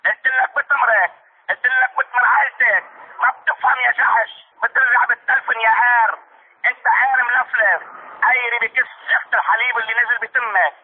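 A man's voice: very high-pitched, fairly even intonation, a little fast, breathy edge, heavily acted. A man with a Lebanese accent putting on a hot-tempered, foul-mouthed man in a prank phone call, repeating himself and hurling insults. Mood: raging. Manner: repetitive, insistent, hurling insults. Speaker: prank caller. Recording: tinny phone line.

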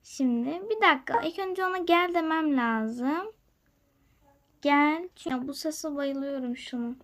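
A young woman hosting a gaming channel, chatting to her viewers as she plays, moving from hushed whispers to loud, excited calls. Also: high voice, unhurried, slight background noise. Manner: lively, talks to viewers, jumps between loud excitement and quiet whispers. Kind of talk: chatty gameplay commentary.

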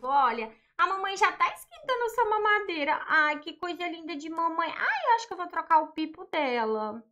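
Young storybook mother, woman voicing her; high bright voice, fussy, sing-song baby talk. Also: big pitch swings, normal speed, lo-fi sound, exaggerated voice. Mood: doting, fussing. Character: young mother, proud then tender, doting.

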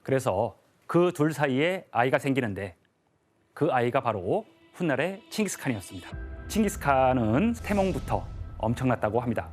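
A man lecturing on history in a TV studio, measured and explanatory, often pausing with little "yes" fillers. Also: mid-range voice, sing-song, soft background music.

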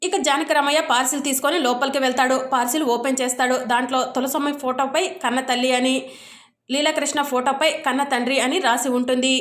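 A woman storyteller with a high voice, walking through an episode in a steady retelling that keeps naming the characters. The recording rings with room echo. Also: fast. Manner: steady retelling with repeated names. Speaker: storyteller recapping a serial. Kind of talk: story narration.

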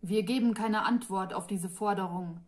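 A woman's voice: medium pitch, normal speed, lightly acted. A woman reading the part of a stern young male warrior who growls his words.

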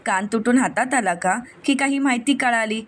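A woman's voice: on the high side, moderate pace, lightly acted. A woman voicing a sarcastic, menacing older man in a plain read-aloud voice.

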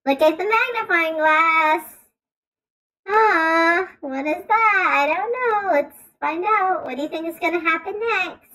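A woman teacher reading a picture book aloud to children, gently stopping to ask questions and explain words. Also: very high-pitched, measured pace, low-quality recording. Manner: gentle, asks the listener questions and explains as she reads.

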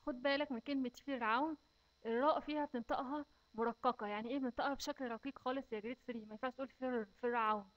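A woman with an Egyptian accent teaching children Quran recitation, chanting verses slowly and then explaining them plainly. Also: high-pitched, fairly even intonation, highs cut off. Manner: slow, drawn-out recitation alternating with clear explanation.

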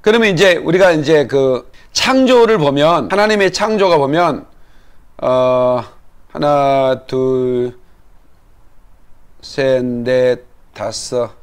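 A man's voice: mid-range voice, slow pace, long pauses, smooth. A male pastor giving a Bible lesson in sermon style, explaining step by step and checking in with the congregation through questions and calls for amen.

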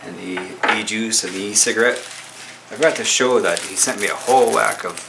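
A man's voice: on the low side, brisk, vocal fry, background noise. A man in his thirties casually vlogging at home, chatty and a bit grumbly. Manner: laid-back, chatty, mildly grumbling. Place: home kitchen and living room. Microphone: camera mic.

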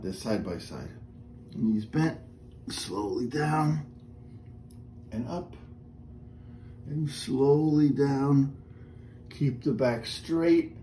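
A middle-aged man guides a seated workout, calling out each movement and breath in an unhurried, mellow voice. His voice lifts and falls a lot as he cues. The small room around him adds a roomy echo with a faint hum of noise. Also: mid-range voice. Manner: calm, step-by-step cues with breathing counts. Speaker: fitness instructor. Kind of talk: guided chair exercise class. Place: small indoor room with a painted wall.

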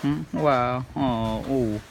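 Slow, teasing father. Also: medium pitch, gravelly, slight background noise. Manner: teasing, full of questions. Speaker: father talking to his baby. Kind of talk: playful baby talk.

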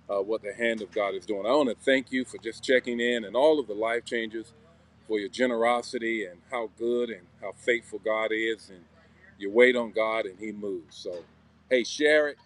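A middle-aged man giving a casual, upbeat walkthrough of a church construction site, talking with many fillers while filming on a phone. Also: mid-range voice. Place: indoor and outdoor building site. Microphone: phone camera held while walking.

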